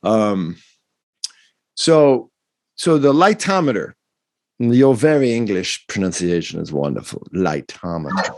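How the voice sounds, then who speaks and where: A man guesting on a podcast, talking in an animated, rambling way and often turning to address the host. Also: fairly low pitch, takes it slowly, vocal fry, pauses often, no echo. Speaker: guest, non-profit founder and educator. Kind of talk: casual podcast conversation.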